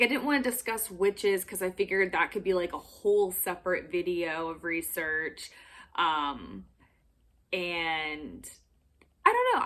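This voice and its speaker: A woman's voice: medium pitch, a bit bright. A young woman hosting a casual explainer vlog from home, chatty and giggly, with lots of filler words. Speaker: vlogger. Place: home room with backdrop.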